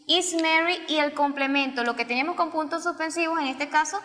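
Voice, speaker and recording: A woman from Venezuela, a Spanish-speaking English teacher, explaining grammar step by step in a recorded lesson and repeating key forms slowly. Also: high-pitched, bright, forceful tone, a little hiss or hum. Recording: long reverb, roomy sound.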